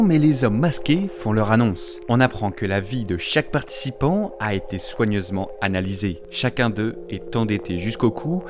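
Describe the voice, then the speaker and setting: A man's voice: fairly low pitch, a little mellow, slight background noise. A man tells a story in a fireside storytelling style, scripted but conversational, with casual, playful asides to the listener. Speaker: narrator retelling a series' plot. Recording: music under the voice. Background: background music.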